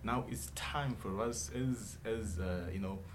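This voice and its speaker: A man's voice: lowish voice, measured pace, background noise. A man, a guest in a radio studio interview who speaks earnestly and keeps checking in with "all right?". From Zimbabwe. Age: 20s. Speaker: guest entrepreneur.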